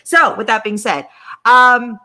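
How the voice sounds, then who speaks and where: A woman's voice: fairly high pitch, steady tone, slow, pushed and bright. A woman hosting a casual chat over a video call, speaking in an encouraging, emphatic way and often tagging her points with a question. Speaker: host.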